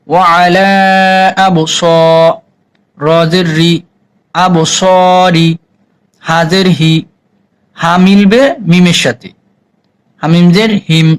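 Slow, higher-voiced male recitation teacher. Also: steady tone, clean tone, poor audio. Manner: slow, drawn-out syllable-by-syllable spelling and chanted recitation. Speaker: Quran reading teacher. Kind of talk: spelling-out recitation lesson.

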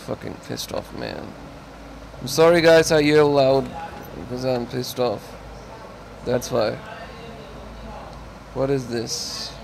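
Gravelly man reading a game. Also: mid-range voice, fairly even intonation, takes it slowly, pauses often, background noise. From Pakistan. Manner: frustrated, swears a lot, broken grammar. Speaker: gamer and channel host. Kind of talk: reading a text adventure aloud while playing.

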